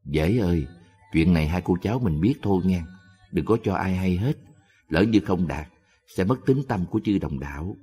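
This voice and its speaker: A man voicing a worried, devout elderly mother who speaks softly and pleadingly. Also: low voice, animated, normal speed, faint music behind. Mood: gentle. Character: worried devout old mother, soft-spoken. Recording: long hall reverb.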